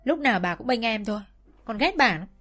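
A woman's voice: fairly high pitch, expressive, quick pace, soft background music, voice pushed up, natural voice. Woman voicing a sulky stubborn schoolgirl. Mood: indignant. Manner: whiny, indignant protests.

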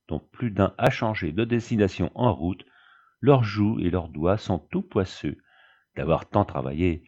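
A man reading a storybook aloud as scripted narration, in a measured storytelling manner. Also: fairly low pitch, a little mellow. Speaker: audiobook reader. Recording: dull lo-fi audiobook recording.

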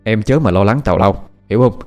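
A man's voice: lowish voice, fast, a little mellow, faint music behind, lightly acted. A man voicing a young husband who casually brushes off his wife's worries. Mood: dismissive. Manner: offhand, casual. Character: dismissive young husband, calm and reassuring.

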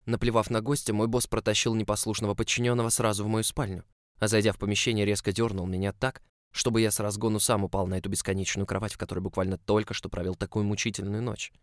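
This male audiobook narrator takes a quick pace as he reads a first-person story with emotional, confessional feeling. His voice is low and even, captured in a dry recording without echo.

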